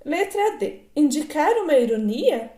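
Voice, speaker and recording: A woman's voice: sits high, very animated, unhurried, mellow, roomy sound. A Brazilian woman teacher with a patient manner, explaining homework exercises and often adding tag questions. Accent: Brazilian Portuguese.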